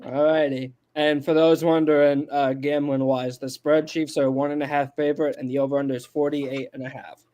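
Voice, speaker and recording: A man in his twenties speaks briskly with few pauses on a sports podcast, his slightly high voice warm and level. As a panelist in the casual sports debate, he stresses his points by repeating them emphatically.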